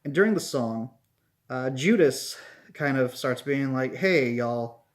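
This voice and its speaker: A man's voice: mid-range voice, animated, measured pace. A man giving a casual spoken review, rambling with many "like"s and "um"s and restarting his sentences. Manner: rambling, lots of fillers and restarts.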